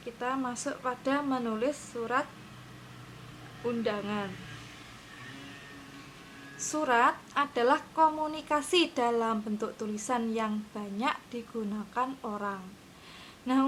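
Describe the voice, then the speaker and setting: Patient woman teacher, fairly high voice. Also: pushed and bright, a little hiss or hum, rough recording. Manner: patient, checks in with students often. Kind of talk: online class lesson.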